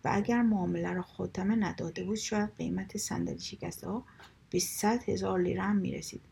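A woman narrates a comic short story with dry, wry timing and slips some asides into a half-whisper. Her voice is very breathy and husky, with a gravelly fry and a dark, mellow tone. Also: medium pitch, steady tone. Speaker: story reader.

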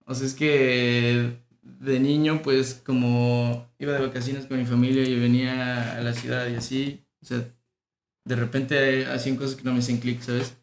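A man's voice: medium pitch, flat delivery, moderate pace, reverberant. A young Mexican man telling stories in a casual chat, full of slang and laughter.

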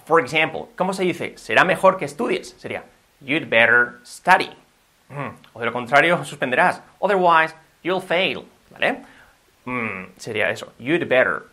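Bright-voiced upbeat Spanish teacher man. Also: on the high side, sing-song, moderate pace. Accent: Spain Spanish. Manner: upbeat, patient explaining. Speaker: language teacher. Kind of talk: video lesson.

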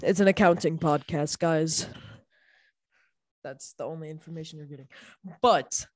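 A woman's voice: deep voice, normal speed, darkish tone, no room sound. Woman talking from under a blanket. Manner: blunt, jokey, offhand. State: recording under a blanket, muffled and dry. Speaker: podcast co-host. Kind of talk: casual podcast chat. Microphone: home microphone under a blanket.

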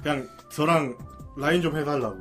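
A man's voice: on the high side, normal speed, breathy edge. A man guest in a casual chat, telling his story politely and a bit shyly. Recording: music playing behind.

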